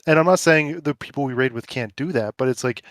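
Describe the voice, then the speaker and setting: A man in mid-range pitch chats casually on a gaming podcast. He rambles and restarts his sentences, leaning on filler words. The sound is close and dry. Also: fast, fairly bright tone, no echo. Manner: rambling, filler-heavy, stressed about a game raid. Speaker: podcast co-host. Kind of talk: casual chat.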